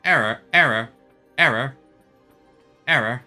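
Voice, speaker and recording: A man streaming a game who voices a glitching robot stuck repeating error messages in a flat, chanting way. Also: medium pitch, takes it slowly, faint music behind. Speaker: gameplay streamer.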